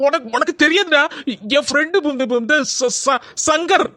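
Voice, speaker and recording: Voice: high-pitched, moderate pace, very noisy, lightly acted. A performer voicing an evasive young husband in a cartoon, coaxing and stammering in a Kanyakumari Tamil accent. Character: sheepish young husband, evasive and sweet-talking.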